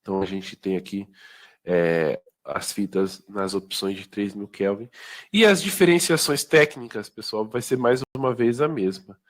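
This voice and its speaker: A man with a fairly low voice and a Brazilian Portuguese accent walks sales staff through products. He talks informally, with frequent fillers and tag questions. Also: a little slow. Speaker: product presenter. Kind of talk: informal sales training talk.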